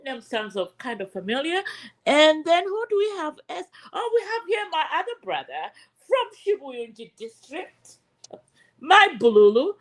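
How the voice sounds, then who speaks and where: A woman's voice: high voice, sing-song, moderate pace, low-quality recording. A woman with a Zambian accent casually hosting a live show in a playful, teasing way. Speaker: host.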